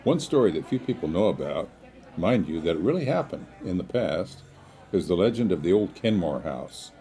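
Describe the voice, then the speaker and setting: A man voices a courteous small-town storyteller in an audio drama, speaking with folksy, measured, old-fashioned politeness. His voice is low, mellow and sing-song.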